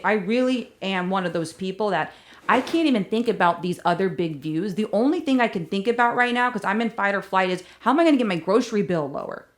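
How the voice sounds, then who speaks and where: A middle-aged American woman chatting casually as a podcast co-host, venting candidly and emphatically with rhetorical questions. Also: mid-range voice.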